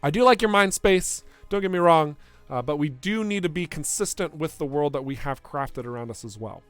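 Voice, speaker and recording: A man's voice: a little high, lively intonation, normal speed, clean tone, no echo, soft background music. A young man, a game developer, giving playful live-stream commentary while playing, chatting with viewers and laughing often.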